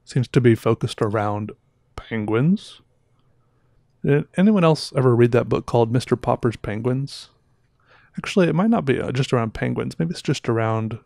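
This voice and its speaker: A man in his thirties with a slightly sore throat has a darkish mid-range voice with vocal fry. Chatty and rambling, he keeps interrupting himself while reviewing viewer art on a casual livestream. He speaks through a headset boom mic in a small room, and the audio is clean studio sound with no echo.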